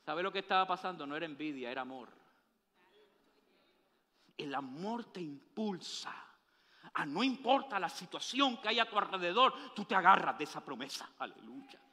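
High, bright-voiced preacher in an echoing church. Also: male voice, lively intonation, moderate pace. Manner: swings from hushed murmurs to loud preaching bursts; humorous asides and rhetorical questions to the congregation. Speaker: pastor. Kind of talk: sermon. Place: church sanctuary.

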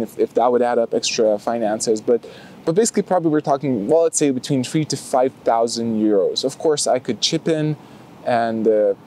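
Out on a grassy field, a young man who vlogs about martial arts talks casually to a camera right in front of him. His Lithuanian-accented speech is full of fillers and restarts. He has a medium-pitched, slightly mellow voice, and there's slight background noise.

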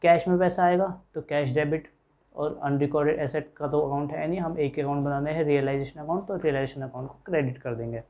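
A man's voice: on the high side, fairly even intonation, quick pace, highs cut off. A man teaching an accounting lecture, explaining step by step and voicing his students' questions himself. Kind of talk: classroom lecture.

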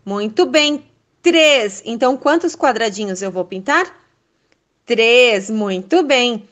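Slow, encouraging woman teacher. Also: fairly high pitch, lively intonation, fairly bright tone. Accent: Brazilian Portuguese. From Brazil. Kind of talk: first-grade remote lesson.

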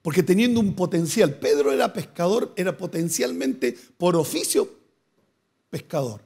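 A man's voice: high-pitched, very animated, moderate pace, creaky, mellow, slightly rough. A male pastor preaching a sermon, asking rhetorical questions and building to emphatic repeated phrases. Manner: preaching with rising emphatic bursts and repeated words.

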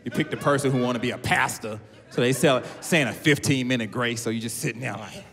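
A man doing stand-up comedy in a large theater, telling a story in an animated way that jumps into high character voices. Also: a little fast, big-room sound, faint music behind. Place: large theater, live audience. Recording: live theater with audience laughter.

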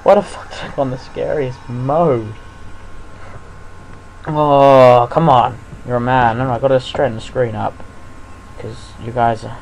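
A man's voice: medium pitch, gravelly, darkish tone, a little hiss or hum, low-quality recording. A young man hosting his gaming channel, giving jumpy, profanity-filled commentary while playing a horror game. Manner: jumpy, swears constantly, panicky outbursts.

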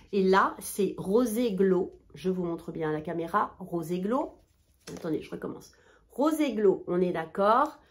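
A woman filming a chatty haul vlog indoors under a ring light, bubbly and self-mocking as she talks straight to her viewers. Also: fairly low pitch. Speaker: haul vlogger, mother of two daughters.

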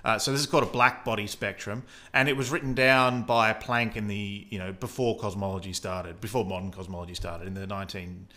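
A man's voice: on the low side, steady tone, fairly quick, hardly any pauses, bright, forceful tone. A man from Australia with an Australian accent, co-hosting a casual science chat and explaining physics while thinking aloud. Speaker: co-host.

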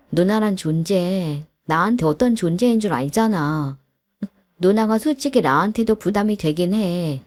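A woman voicing a meek, apologetic young husband who pleads softly. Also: fairly low pitch, dry recording.

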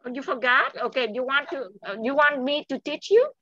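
A woman's voice: sits high, animated, brisk, sharp tone, highs cut off. A woman whose first language is Vietnamese, coaching a child in an upbeat, coaxing way and saying okay again and again. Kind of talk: encouraging lesson chat.

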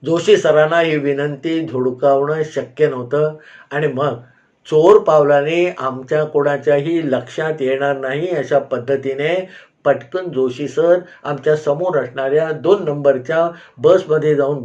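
A man telling a personal school memory in an unhurried way, often pausing to explain himself with asides. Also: on the high side, a little mellow. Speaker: storyteller. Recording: slightly dull, lo-fi sound.

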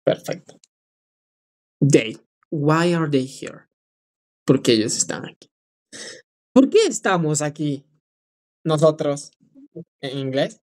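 A woman teaching a live online English lesson, drilling phrases slowly and encouraging her students. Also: deep voice, expressive, a little mellow.

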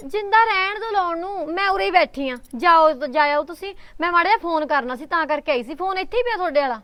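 A woman's voice: extremely high pitch, lively intonation, fast, fairly bright tone, dry recording. A young woman playing a sly, scheming village woman who is coaxing and cheeky.

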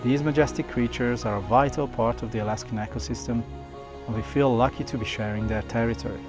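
A man's voice: mid-range voice, steady tone, quick pace, over music. A man in his thirties reading scripted travel narration in a nature documentary style.

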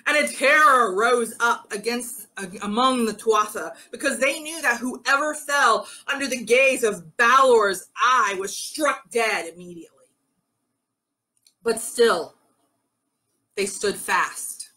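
Slow, bright-voiced woman storyteller. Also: a little high, poor audio. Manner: slow, earnest, rallying. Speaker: ritual storyteller. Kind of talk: storytelling in a pagan ritual.

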